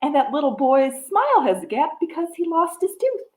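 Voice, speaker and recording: A woman hosts a children's storytime, reading to toddlers in a high, very lively voice. She goes slowly and sing-song, stopping to put simple questions to the little ones. The room around her sounds echoey. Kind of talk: reading a picture book aloud to toddlers, with sing-along and chat. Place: wood-floored living room with a piano, indoors. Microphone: webcam or device mic at about arm's length. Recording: echoey room, device microphone.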